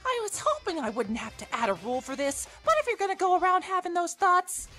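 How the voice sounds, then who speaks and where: A woman's voice: very high voice, very animated, fast talker, bright, forceful tone, soft background music, pitched above the performer's own voice, heavily acted. A woman voicing a mischievous, petty male bear headmaster who taunts and takes offense easily. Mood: petulant.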